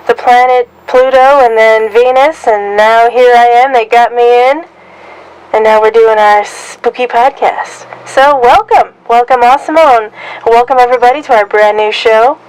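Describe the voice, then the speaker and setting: A woman's voice: on the high side, steady tone, a little slow, smooth, rough recording. A woman hosting a casual paranormal podcast, presenting in a playful, showy way. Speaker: podcast host.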